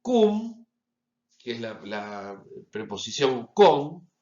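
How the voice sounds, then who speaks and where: A man giving a lecture as a teacher, deliberately stressing each example word. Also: mid-range voice, big pitch swings, dark tone. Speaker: Latin teacher. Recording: roomy, slightly dull recording.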